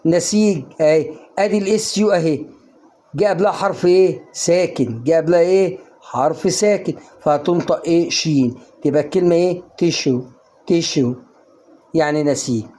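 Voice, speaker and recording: A man's voice: fairly high pitch, a little fast, dark tone. An Egyptian man teaching English pronunciation in a casual online lesson, coaxing the viewer with questions he answers himself. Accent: Egyptian Arabic.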